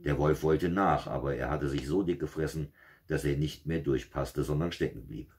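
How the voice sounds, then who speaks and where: Calm bedtime storyteller, a man with a very low voice, slightly husky, relaxed and self-mocking. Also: normal speed. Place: small home studio.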